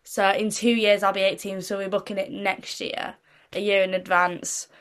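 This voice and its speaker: A woman's voice: mid-range voice, level tone, normal speed, a bit bright. Giggly chatty teenage girl. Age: teens. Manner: giggly, chatty, rambling with many fillers. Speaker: interview guest, young singer. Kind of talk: casual interview chat.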